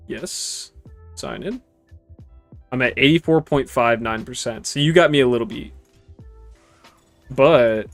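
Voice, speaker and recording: A man in his twenties giving relaxed, rambling gameplay commentary and chatting with viewers, swearing casually. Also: medium pitch. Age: 20s. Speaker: gaming streamer.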